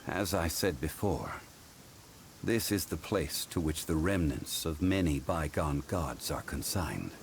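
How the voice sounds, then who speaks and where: In this game cutscene, Zhongli, an ancient god in human form, speaks in a deep, solemn male voice: calm, dignified and scholarly. His delivery is measured, formal and unhurried yet animated and heavily acted, with game music and background noise beneath it.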